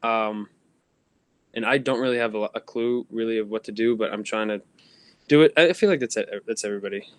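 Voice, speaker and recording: Recorded on a phone, a young adult man co-hosting a casual podcast spins long, rambling stories full of ums and laughter. He talks briskly in a voice on the low side.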